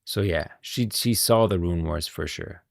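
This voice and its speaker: This streamer and host has a low, gravelly voice and speaks a little slowly, captured in clean studio sound without echo. He rambles through casual game lore, musing aloud and circling back to the same points.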